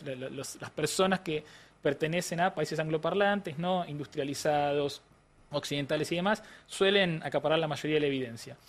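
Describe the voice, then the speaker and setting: An Argentine man with a slightly raised voice explains brain and language research in an interview. He talks like a patient teacher, restarting phrases and often checking that the listener follows. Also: sits high. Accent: Argentine Spanish. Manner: frequent restarts and hesitations. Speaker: language neuroscientist guest.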